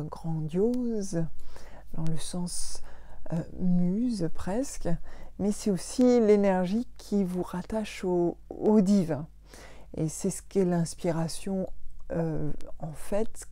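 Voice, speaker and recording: A woman chats through a weekly live on her phone, her voice lowish and soft-toned. She takes her time, hesitating and correcting herself often. The sound is dry and close. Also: no echo. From Alsace, France. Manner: hesitant, many fillers and self-corrections. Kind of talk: casual live talk to followers. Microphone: phone on an Instagram live.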